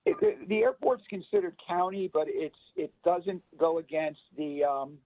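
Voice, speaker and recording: A man's voice: high voice, lively intonation, dry recording. Man speaking over a tinny phone line. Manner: halting, with repeated restarts. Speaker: county staff member. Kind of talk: answering board questions at a public meeting.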